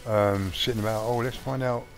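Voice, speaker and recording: A man's voice: mid-range voice, fairly even intonation, moderate pace, faint music behind. A man giving casual let's play commentary on a game he is playing, thinking aloud as he goes with frequent ums. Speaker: gaming channel host.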